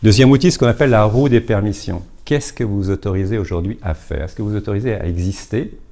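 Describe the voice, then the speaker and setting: A man's voice: fairly low pitch, quick pace, dark tone. A man giving an informal business coaching talk, explaining step by step with many fillers and repeated words.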